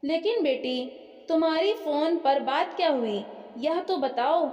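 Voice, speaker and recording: A woman voicing a gentle, calm mother who coaxes her daughter, read in an echoey room. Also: high-pitched, takes it slowly, dull audio. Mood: soothing. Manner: calm, coaxing advice. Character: gentle, soothing middle-aged mother. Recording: echoey room with long reverb.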